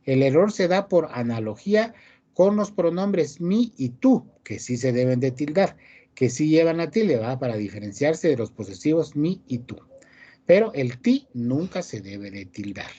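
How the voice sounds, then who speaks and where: A male teacher lectures in a mellow, relaxed voice, reading rules aloud and then explaining them. He often ends a phrase with a quick question to check that students follow. The recording sounds dull and lo-fi. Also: on the high side. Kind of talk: online class lecture.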